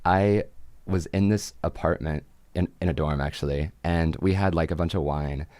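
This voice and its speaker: A man's voice: sits low, moderate pace, darkish tone, no echo. A young man hosting a casual chat show, rambling and chatty, full of fillers and laughs. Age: young adult. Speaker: podcast host.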